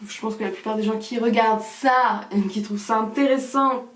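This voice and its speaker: A woman's voice: a little high, steady tone, fairly quick. A young woman vlogging casually at home, chatting and joking through her evening skincare routine. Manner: chatty, joking, breaks into snatches of song. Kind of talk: casual vlog chat. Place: home bathroom. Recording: echoey bathroom.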